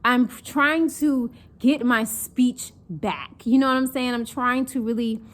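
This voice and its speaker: Speaking slowly in a slightly high voice, a young woman from North Carolina vlogs casually to camera. Her accent is Southern mixed with northern speech. Chatty and animated, she performs mocking quotes.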